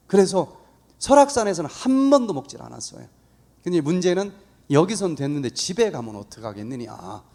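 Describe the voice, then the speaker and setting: A man giving a lively, story-filled talk at a church, acting out the voices of the people in his story. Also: fairly high pitch. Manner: animated storytelling, acts out quoted voices. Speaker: guest speaker. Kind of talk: church lecture.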